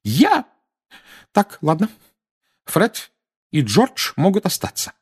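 A man with a husky voice reading aloud, putting on a fierce, protective middle-aged mother witch who talks in an indignant, commanding way. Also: sits high, wildly swooping pitch, takes it slowly, a little mellow, pitched above the performer's own voice, full character voice.

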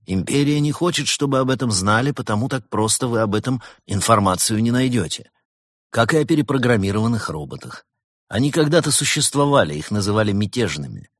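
A man voicing a secretive, amused male adventurer in a storybook reading, in a lightly raised, lively voice. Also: mid-range voice, fairly quick, dry recording, clean studio sound, voice pushed up, close to an everyday voice. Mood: amused, explaining.

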